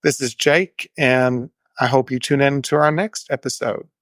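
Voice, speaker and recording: A man's voice: mid-range voice, fairly even intonation, measured pace, a bit bright, dry recording. A Texan man hosting his own unedited solo podcast, talking in an opinionated, emphatic way and correcting his own small flubs as he goes. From Texas. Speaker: podcast host.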